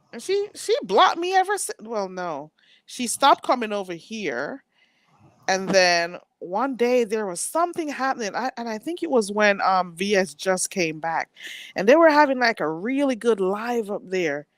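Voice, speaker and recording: A woman's voice: medium pitch, big pitch swings, moderate pace, no echo. A woman hosting a live stream, her voice rising and falling a lot as she chats and tells stories. She sounds a little stuffed up, and the recording is dry and close. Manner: chatty storytelling, laughs often. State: stuffy nose. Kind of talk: casual live chat.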